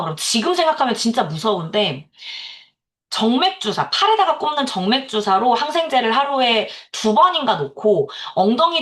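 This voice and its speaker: A woman's voice: fairly high pitch, a bit bright. A woman in her thirties giving a lecture to salon owners, telling a personal story in a candid way and laughing often.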